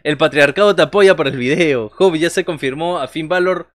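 At a moderate pace and fairly high pitch, a man in his thirties talks through wrestling on a livestream, joking and conversational with viewers as he calls moves and reacts to chat. He's indoors in a small bedroom, and there's no echo.

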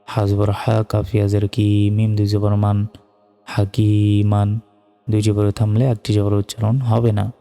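Slow, low-voiced male Quran teacher. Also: monotone, mellow, in a large hall, faint music behind. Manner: slow, measured letter-by-letter spelling, melodic chanting of verses. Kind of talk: spelling-out Quran lesson.

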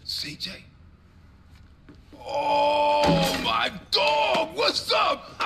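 An actor playing a big, boisterous streetwise friend who philosophizes in a folksy way in a video game. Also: male voice, very high voice, big pitch swings, extremely slow, gravelly, sharp tone, raised voice, soft background music, a faint crowd, exaggerated voice. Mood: elated. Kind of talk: video game cutscene acting.

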